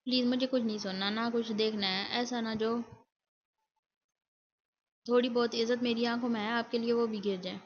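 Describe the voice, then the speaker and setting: A woman voicing a defiant, bitter young bride who answers with sharp, scornful retorts in an audiobook drama. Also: a little high, fairly even intonation, pauses often, dull audio, lightly acted. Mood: angry.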